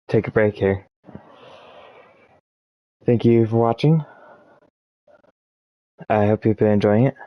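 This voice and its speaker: A man playing a text adventure game, reading its passages aloud slowly and commenting between them, with small slips and restarts, and troubled by hiccups. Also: lowish voice, no room sound, dull audio. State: has the hiccups. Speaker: let's play narrator.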